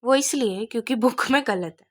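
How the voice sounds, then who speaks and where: Woman teaching Sanskrit. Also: fairly high pitch. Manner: explains step by step, checks understanding with quick questions; corrects her own slips mid-sentence. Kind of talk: exam-focused classroom lesson.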